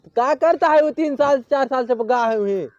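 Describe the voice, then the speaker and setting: A man's voice: very high-pitched, normal speed, no echo, muffled recording. An older man with an Awadhi accent playing a retired father-in-law who grumbles about money in a comedy sketch.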